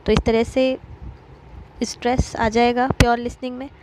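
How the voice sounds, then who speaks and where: A woman with a somewhat high voice teaches an exam-prep lesson. She explains patiently, step by step, pausing often on fillers. A faint hiss of noise sits under the recording. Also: flat delivery. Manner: explanatory, many filler pauses.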